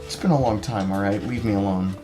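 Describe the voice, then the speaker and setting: A man's voice: on the low side, quick pace, over music. A teenage young man from California reading a children's book aloud, with dry, self-mocking asides. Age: late teens.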